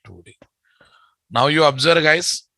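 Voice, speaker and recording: A man with a Telugu Indian accent teaches programming in a bright, forceful voice. He goes slowly and repeats his phrases, often addressing the class informally. The sound is close and dry. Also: a little high, no room sound. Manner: informal, repetitive, addressing students as guys and boss. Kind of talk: live lecture with repeated phrases.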